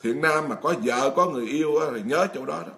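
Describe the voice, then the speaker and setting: Blunt monk preaching. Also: male voice, fairly high pitch, fast, vocal fry, a bit bright. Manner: blunt, emphatic, addresses the congregation directly. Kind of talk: dharma talk sermon.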